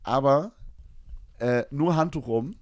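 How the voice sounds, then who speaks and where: A young man in casual podcast chat, telling an animated, slangy story and acting out the scene. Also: mid-range voice, slow pace.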